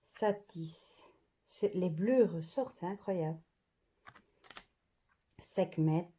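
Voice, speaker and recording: In a casual vlog, a woman with a lowish, husky, dark-toned voice slowly shows off an oracle card deck. She murmurs each card's name admiringly, often dropping to a half-whisper.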